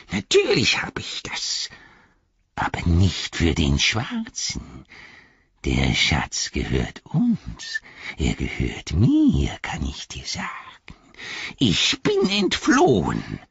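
A man's voice: low-pitched, a bit bright, no room sound, lo-fi sound, heavily acted. A man voicing the wretched creature Gollum in an audiobook, sly and cringing, speaking of himself in the third person. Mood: hissing defiance. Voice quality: hissing, gravelly whisper. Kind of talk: audiobook character voice.

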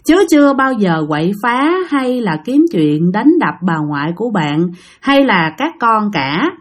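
A woman narrating a ghost story in a chatty way, addressing her listeners directly. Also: medium pitch.

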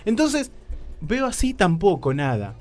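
Speaking a little slowly in a high-pitched voice, a young man with a Rioplatense accent delivers a comic story on the radio. He acts out his own lines with animation and doesn't hold back on crude slang.

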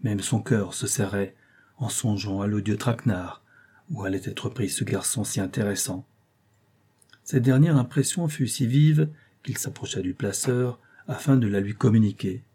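A man narrating a novel as an audiobook in a measured, expressive manner. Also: on the low side, breathy edge. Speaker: audiobook reader.

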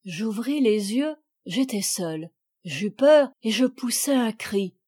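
A woman's voice: fairly high pitch, lively intonation, takes it slowly, darkish tone, husky. Woman reading a storybook aloud. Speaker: audiobook reader. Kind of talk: storybook narration.

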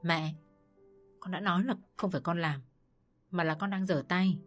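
Casting: a woman as a cool, curt young wife, low-voiced, storybook. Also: steady tone, moderate pace, faint music behind, lightly acted. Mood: defiant. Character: defiant calm young daughter-in-law.

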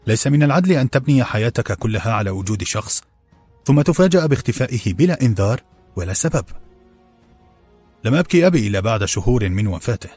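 A man narrating an audiobook in a measured, grave storytelling manner. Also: mid-range voice, big pitch swings, a little mellow, breathy edge, faint music behind. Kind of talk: scripted narration.

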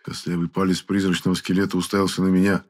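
A man with a very low voice reads an audiobook in the first person. His delivery is wry and even-paced, the steady style of a storyteller. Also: quick pace. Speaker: audiobook narrator.

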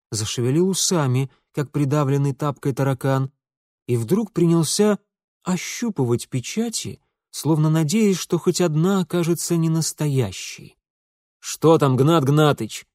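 A man narrating a novel as an audiobook, in a measured storytelling manner. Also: on the high side, a little mellow, no room sound, clean studio sound. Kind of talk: scripted narration.

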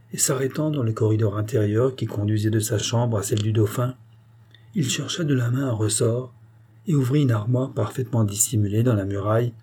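A male audiobook narrator reading a classic novel with measured, steady pacing. His voice is dark and mellow, with a husky edge. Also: medium pitch.

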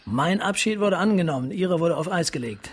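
A man's fairly high, expressive voice carries a husky, commanding edge as he portrays a solemn, resigned police captain in a radio drama. He speaks with deliberate formality, and the mood is grave and insistent.

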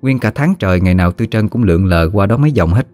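A man with a Southern Vietnamese accent tells a story in a lively, slangy, teasing manner. His voice sits on the low side, and soft background music plays beneath him. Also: fast. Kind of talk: colloquial story narration. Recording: faint music behind.

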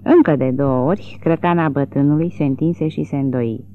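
An audiobook reader narrating a literary novel in an expressive, dramatic way, recorded with a tinny, narrow sound. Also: mid-range voice, a little hiss or hum.

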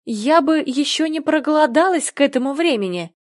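Woman doing a prim earnest little girl, high, dry close sound. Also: lively intonation, normal speed, darkish tone, no room sound. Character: earnest polite young girl, easily offended.

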